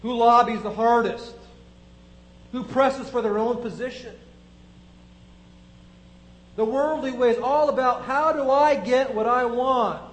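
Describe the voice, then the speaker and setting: A man's voice: extremely high pitch, a little slow, long pauses, roomy sound, rough recording. A man preaching a sermon, building his point through strings of rhetorical questions.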